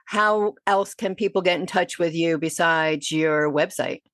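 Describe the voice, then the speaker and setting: A woman hosting an interview, friendly and encouraging with many quick reactions. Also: lowish voice, a bit bright, no room sound, studio quality. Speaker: podcast host. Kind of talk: casual interview chat.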